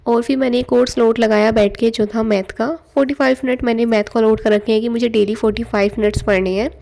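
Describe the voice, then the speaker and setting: A woman's voice: fairly high pitch, flat delivery, fast, vocal fry, warm tone. A young woman narrating her study day in a casual vlog, chatty and loose, mixing in English words. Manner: chatty, loose Hindi-English mix with fillers. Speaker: exam aspirant vlogger. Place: at home.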